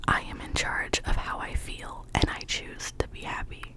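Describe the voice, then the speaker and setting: An ASMR host giving a whispered pep talk of positive affirmations in a gentle, encouraging manner, often repeating phrases slowly.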